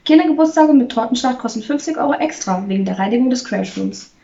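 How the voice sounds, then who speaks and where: A woman's voice: fairly high pitch, animated, fast talker, vocal fry, warm tone. A woman voicing a polite, businesslike male event organizer. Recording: slightly distant, muffled recording.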